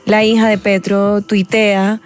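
A woman's voice: mid-range voice, little pitch movement, takes it slowly. A woman giving emphatic, critical opinions in a casual radio panel discussion. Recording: music playing behind.

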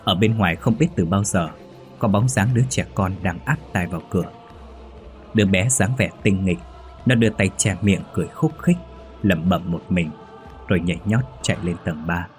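A man narrating a horror story in a measured, ominous reading. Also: deep voice. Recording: faint background music.

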